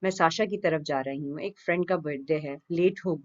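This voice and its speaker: A woman playing a lively young wife. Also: low-pitched. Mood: commanding. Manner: lively, commanding with servants. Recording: dull lo-fi recording.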